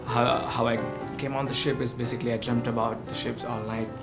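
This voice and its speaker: A friendly man talks easily about his photo studio, pausing on "uh"s. Clear background music runs under his mid-pitched voice. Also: little pitch movement. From India. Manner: friendly, with frequent filler "uh". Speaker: ship photographer.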